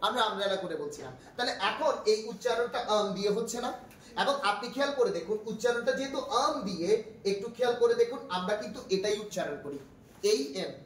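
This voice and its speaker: A man with a Bangladeshi accent teaching a classroom grammar lesson, patiently asking his class questions and repeating his points. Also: extremely high pitch. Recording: echoey room from far off, faint noise.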